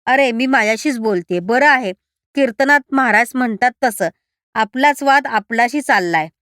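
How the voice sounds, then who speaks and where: A sharp-tongued older mother-in-law mutters and scolds without pause, voiced by a woman reading the story. Her complaints come high-pitched and grumbling. The recording is dry and close. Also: lively intonation, no room sound. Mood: wry.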